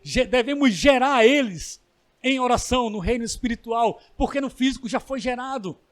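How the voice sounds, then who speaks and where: A Brazilian pastor with a high-pitched voice delivers a sermon. He builds to emphatic bursts and then slows into drawn-out, pleading lines. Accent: Brazilian Portuguese. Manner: preaching with rising emphatic bursts and slow drawn-out pleas.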